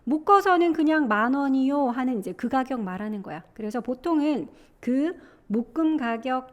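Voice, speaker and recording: A woman's voice: high voice, lively intonation, moderate pace, dull audio. A young Korean woman teaching an English exam passage in a chatty lecture, often asking her students rhetorical questions.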